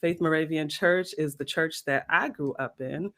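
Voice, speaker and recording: A woman's voice: low voice, normal speed, fairly bright tone. A woman hosting an interview, speaking earnestly and effusively about a church gala and her guest. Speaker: interview host. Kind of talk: hosted interview.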